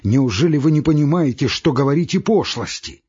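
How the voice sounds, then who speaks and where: A man voicing a middle-aged male doctor who is nervous and breaking down, with a husky voice and shrill, tearful shouting. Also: expressive, unhurried, highs cut off, exaggerated voice. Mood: furious.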